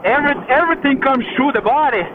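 A very high-pitched, rapid-talking man with an Eastern European accent hosts a motorcycle vlog on the road, bantering with a friend and swearing freely. Captured on a helmet headset, the audio is tinny and intercom-like with road noise underneath.

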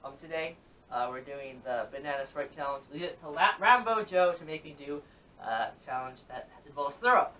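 A young adult man chatting casually and haltingly as the jokey host of a vlog, recorded in a small bedroom. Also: on the high side, animated, bright, forceful tone. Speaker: host of a challenge video. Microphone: camera a few metres away. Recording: distant, noisy camera mic with clicks.

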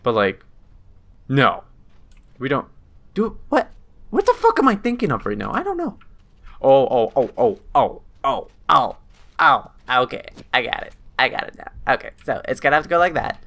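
A young man giving casual, excitable game commentary, swearing a lot and talking to his character. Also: fairly high pitch, a little fast. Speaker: gaming channel host.

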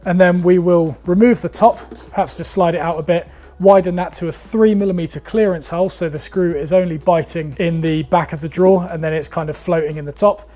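A man's voice: sits high, steady tone, fairly quick, dark tone. A young man, teaching woodworking in a workshop, chatty and upbeat as he explains each step. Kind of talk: instructional talk.

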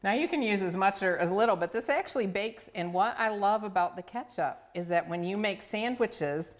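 A woman's voice: mid-range voice, animated, normal speed. A middle-aged woman, playfully chatting while demonstrating a recipe in a home kitchen, on a lapel mic. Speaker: cooking show host. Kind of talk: casual cooking demonstration.

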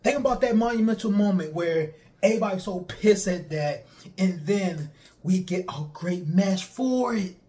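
Animated young male wrestling streamer. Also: sits high, moderate pace. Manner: animated, repetitive, talks straight to viewers. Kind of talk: casual streamed commentary to chat.

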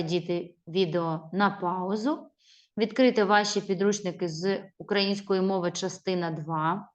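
A primary school teacher in a recorded reading lesson, speaking to young children in a mid-pitched voice. She talks very slowly, carefully and expressively, spelling out words and stressing each syllable. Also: highs cut off. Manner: addresses children warmly and directly.

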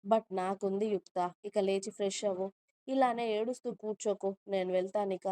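A woman voicing a young man in love in an audio story, teasing and caring in a soft tone. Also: medium pitch, fairly even intonation, normal speed, clear, resonant tone, no echo, lightly acted. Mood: tender.

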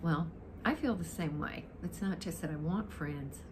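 An older woman, an amateur guitarist introducing a song, chats casually to camera from a sofa in her living room. Her voice is low with a dry throat, and she rambles and reminisces at a moderate pace, drifting from one thought to the next. The home recording has clear background noise.

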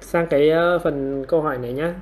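A man teaching online English over a livestream quiz, prodding students for their answers and laughing off his own mistakes with quick apologies. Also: a little high, steady tone, a little hiss or hum.

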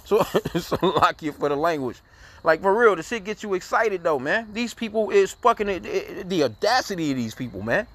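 A man's voice: high voice, animated, normal speed, a bit bright. A man giving heated, profane, rambling commentary, tagging his sentences with "man", in casual talk to his viewers. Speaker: commentary channel host.

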